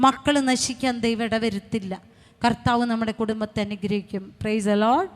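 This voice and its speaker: A woman preacher giving a fervent sermon and testimony, speaking in short repeated phrases that build to loud exhortation. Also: fairly high pitch, steady tone, moderate pace. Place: retreat centre hall. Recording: long hall reverb.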